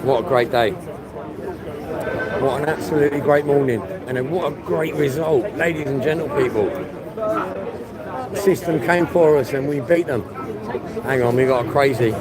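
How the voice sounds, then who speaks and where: A man's voice: on the high side, normal speed, long pauses. A man streaming live outdoors, chatting casually with viewers, swearing often and greeting them by name. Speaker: livestreamer. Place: outdoors on a busy city street. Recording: loud crowd noise from the street.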